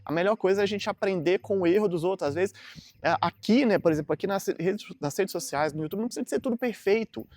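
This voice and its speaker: A man's voice: high voice, fast talker, a little mellow, no room sound. Earnest Brazilian man in his thirties. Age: 30s. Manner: earnest, rambling, frequent fillers. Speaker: vlogger. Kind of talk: casual motivational monologue to camera.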